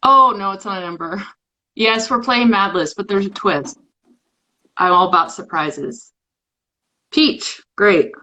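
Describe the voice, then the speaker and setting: A woman's voice: medium pitch, a little slow, long pauses, bright, forceful tone, low-quality recording. A woman hosting a live poetry stream, chatty and playful as she runs a word game with viewers, speaking into a phone or webcam mic. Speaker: host of a live poetry show. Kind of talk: casual live-stream chat.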